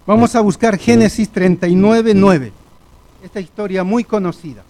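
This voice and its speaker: In a church, a man with an Argentine Spanish accent and a high-pitched, mellow voice delivers a sermon. He speaks deliberately and in a measured way, frequently addressing the congregation.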